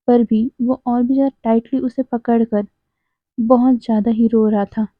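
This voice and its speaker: A woman reading a fan fiction story aloud, in a slow, even storytelling manner, into a phone. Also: a little high, no room sound. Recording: tinny phone-like sound.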